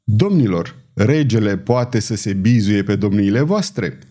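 A man's voice: lowish voice, lively intonation, mellow. A man doing an imperious queen mother. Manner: cool, measured, authoritative.

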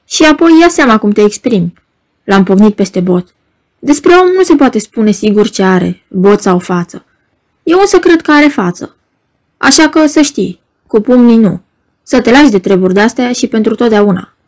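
A woman reading an audiobook, voicing a nervous, gentle male hospital patient who hates noise and pleads fussily. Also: sits high, animated. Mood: reproving. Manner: pleading, fussy, easily alarmed. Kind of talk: audiobook character voice.

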